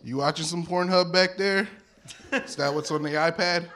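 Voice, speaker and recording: A man's voice: fairly high pitch, steady tone, normal speed, pushed and bright. A man doing an open-mic stand-up set, awkward and laughing at his own jokes. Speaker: stand-up comedian. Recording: noisy live recording.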